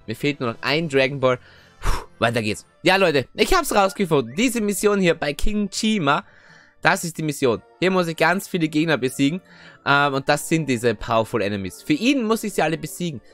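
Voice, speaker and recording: Aufgeregter junger Mann kommentiert ein Videospiel. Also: male voice, on the high side, a little fast. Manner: chatty, excitable, frequent tag questions. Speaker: gaming video host. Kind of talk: let's play commentary. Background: faint game music.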